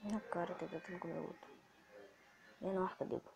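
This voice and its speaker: A male gaming host with a Brazilian Portuguese accent, excitable and swearing as he comments on his gameplay. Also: sits high, vocal fry. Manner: excitable, swearing, quick to frustration.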